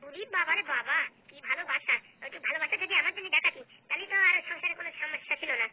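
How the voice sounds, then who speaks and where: A woman voicing a defiant, sharp-tongued young wife who mocks her husband in a comedy skit. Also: sits high, fast talker, natural voice. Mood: mocking quarrel. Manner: mocking, quarrelsome. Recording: phone-like narrow sound.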